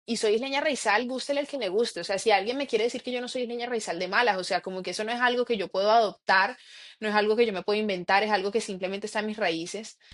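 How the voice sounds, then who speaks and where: A woman's voice: mid-range voice, steady tone, fast. A young adult woman from San Andrés island telling her life story in a casual interview, full of fillers. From San Andrés island, Colombia. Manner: chatty, lots of fillers like "o sea" and "como". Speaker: interview guest, expedition guide.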